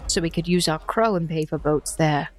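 A woman playing her character in a tabletop game, dry and deadpan. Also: deep voice, normal speed, a faint crowd. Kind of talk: in-character tabletop role-play.

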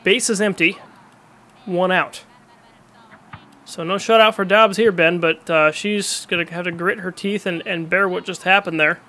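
A man's voice: sits high, fairly even intonation, unhurried, bright, forceful tone. A man giving play-by-play commentary on a baseball game, with dramatic announcer-style calls.

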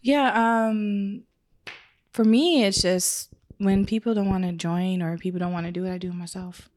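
A woman being interviewed in her own photography studio, chatting warmly and emotionally with quoted asides and laughs. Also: on the low side, fairly even intonation, moderate pace. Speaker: wedding photographer guest. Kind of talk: casual interview.

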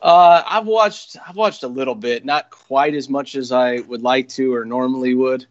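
Laid-back man, halting podcast chat. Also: medium pitch, dry recording. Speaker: podcast co-host. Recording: dry, dull lo-fi audio.

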